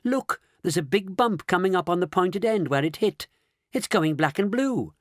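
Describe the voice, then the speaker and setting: A man's voice: high voice, lively intonation, normal speed, no echo, studio quality, pitched above the performer's own voice. A man voicing a curious, earnest young boy who asks questions eagerly. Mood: eager pointing out.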